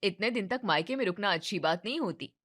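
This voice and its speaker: A woman voicing a younger sibling who speaks firmly and reasonably to an older sister in an animated story. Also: medium pitch, fast talker, voice pushed down.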